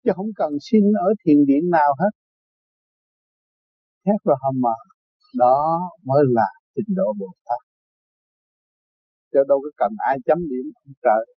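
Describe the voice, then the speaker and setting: A man's voice: fairly high pitch, expressive, measured pace, long pauses, slightly rough, no room sound, muffled recording. An older man from Vietnam giving an informal spiritual talk, telling stories with frequent laughter and acting out the voices of others. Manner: storytelling, laughs often, acts out quoted voices. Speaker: spiritual teacher.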